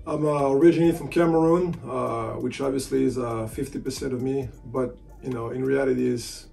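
Forties man, low gravelly tone, casual filler-laden talk, recorded from a distance in a room with soft music underneath. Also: fairly even intonation, a little fast. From France. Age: 40s. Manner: casual, many fillers like "you know". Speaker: sports agent and basketball analyst. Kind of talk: relaxed interview answers. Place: hotel room by a window.

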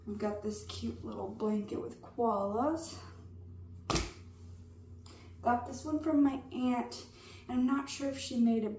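A young woman chats slowly through a haul of baby gifts, slightly out of breath from pregnancy. Her voice sits back from the mic in an echoey room. Steady background noise runs underneath. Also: a little high, recorded from a distance. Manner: slow, unhurried show-and-tell of items. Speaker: vlogger. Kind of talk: casual haul vlog.

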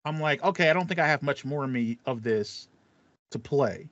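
Speaking at normal speed with a medium pitch and a slightly bright tone, this thirty-something American podcast co-host keeps the gaming chat casual. The foam-treated small home room gives a dry recording that is band-limited and slightly dull.

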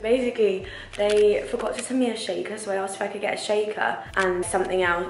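A woman's voice: mid-range voice, noisy background. Chatty young woman vlogging. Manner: chatty, gushing, quick asides. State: hoarse, lost voice. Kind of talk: casual vlog chat.

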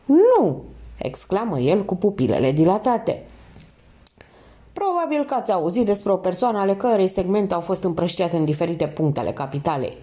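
A woman's voice: big pitch swings, warm tone. A woman reading a crime novel aloud in the first person, lifting her voice for the characters' lines. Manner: reads in first person, lifts pitch for quoted speech. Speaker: audiobook reader.

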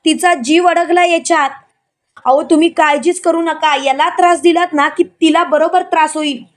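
A woman's voice: extremely high pitch, fairly even intonation, moderate pace. A woman voicing a scheming young woman who soothes and coaxes an older man. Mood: coaxing. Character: scheming young woman, cajoling her father-in-law.

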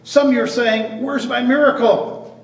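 A man's voice: very high voice, steady tone, moderate pace, slight background noise. An older man preaching a sermon at a church pulpit, earnest and repetitive, stressing each point. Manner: earnest preaching with repeated phrases and restarts. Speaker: pastor. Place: church sanctuary in front of a stained glass cross. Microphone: far camera at a pulpit. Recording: echoey church heard from a distance.

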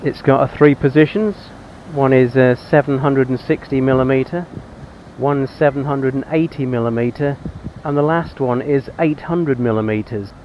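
A man casually reviewing his own motorcycle outdoors on country lanes, plain-spoken with frequent pauses. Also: medium pitch, darkish tone, slight background noise. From England. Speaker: motorcycle vlogger.

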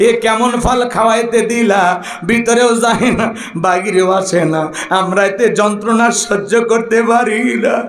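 Impassioned high-voiced preacher, echoing hall. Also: male voice. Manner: impassioned, alternates shouting and melodic chanting. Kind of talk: waz sermon with chanted Quran verses. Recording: roomy echoing public-address sound.

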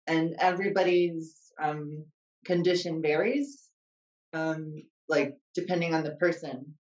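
A man from Scotland, a spinning instructor, speaking slowly and in a measured way on a video call. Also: fairly high pitch. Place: home room with exercise bike. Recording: distant roomy dull webcam sound.

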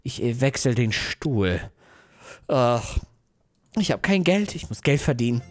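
A young man narrating a mobile game as a YouTuber, excitable and yelping in fright. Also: medium pitch, unhurried. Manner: excitable, yelps and shouts in fright. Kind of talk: let's play commentary.

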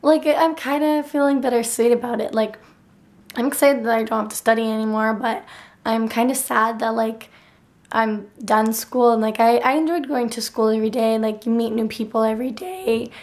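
Young woman vlogger, casual delivery, hoarse raspy whisper as if the voice is almost gone, slightly high register. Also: normal speed, darkish tone. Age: young adult. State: hoarse, nearly lost voice, dry throat. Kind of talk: casual vlog chat. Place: bedroom, indoors. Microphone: handheld camera at arm's length.

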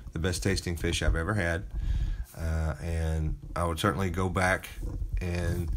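A man hosting a travel and fishing vlog, narrating his trip in a relaxed, conversational voice-over with frequent "uh" fillers. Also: low voice. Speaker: vlog host.

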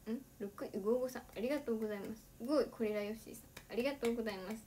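A woman's voice: fairly high pitch, racing, dark tone, a little hiss or hum. Giggly teenage girl chatting on a livestream. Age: teens. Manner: giggly, chatty, laughs often between sentences. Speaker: idol livestreamer. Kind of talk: casual livestream chat.

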